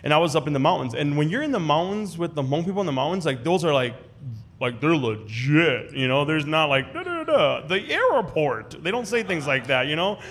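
Excitable fast-talking man telling stories. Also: a little high. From United States. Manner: excitable, full of "like" and "you know". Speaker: guest. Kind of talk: animated storytelling. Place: live show in a restaurant.

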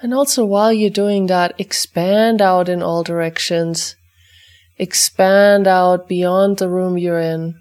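Calm woman guiding an energy exercise. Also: lowish voice, slow. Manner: calm, repetitive incantation-like clearing phrases. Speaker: energy healing teacher. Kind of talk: guided energy exercise for dog owners.

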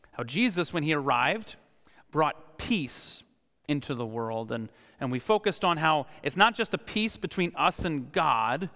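Male pastor, relaxed conversational sermon, fairly high voice, smooth and resonant, long church reverb. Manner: conversational, self-deprecating, repeats words when starting phrases. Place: church sanctuary.

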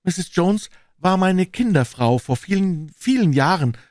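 A man's voice: high-pitched, animated, measured pace, a little mellow, no room sound, clean studio sound, voice pushed up. A man voicing a cheerful, friendly young schoolgirl in a storybook reading.

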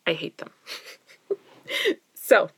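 A woman's voice: drawn-out words, a bit bright, dry recording. A young adult woman from Alaska hosting a casual solo podcast, chatty and self-deprecating, recording in a small closet at home. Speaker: podcast host.

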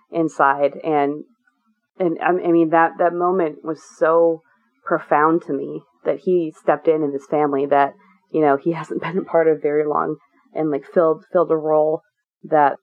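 A woman being interviewed as a guest, talking candidly and at length, with many fillers and restarts. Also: low-pitched. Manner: earnest, rambling with many fillers. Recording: tinny phone-like line.

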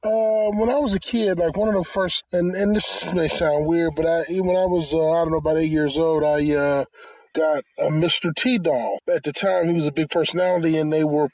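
Husky male co-host, fairly high pitch, tired, halting casual chat, low-quality phone recording in a car. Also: fairly even intonation, a little mellow. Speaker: podcast co-host. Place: inside a car.

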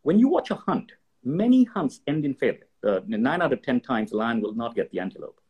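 A man being interviewed as an expert, explaining ideas with lively stories and acted-out examples. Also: medium pitch, a little fast, husky, highs cut off. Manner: animated storyteller, acts out examples in voices. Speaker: guest expert. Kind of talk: conversational interview.

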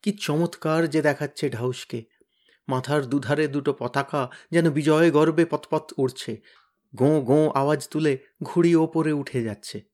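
Lively male storyteller reading a comic tale. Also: fairly high pitch, a little slow. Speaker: story reader.

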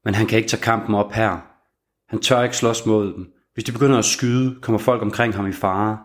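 Brief: male audiobook narrator, somewhat low pitch, measured thriller delivery. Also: steady tone.

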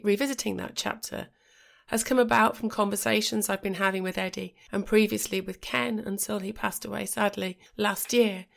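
A middle-aged woman hosts a podcast, her voice croaky and gravelly with fry as she gets over a cold. She talks in a measured, reflective way at a middle pitch, now and then restarting a phrase. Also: fairly bright tone. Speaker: podcast host. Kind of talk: scripted podcast monologue.

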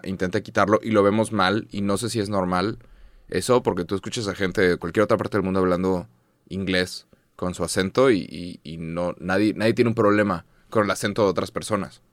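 A man's voice: fairly low pitch, no room sound, studio quality. A man with a Mexican accent, co-hosting a podcast in casual, slangy chat and telling a story with a lot of swearing. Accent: Mexican Spanish. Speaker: podcast co-host.

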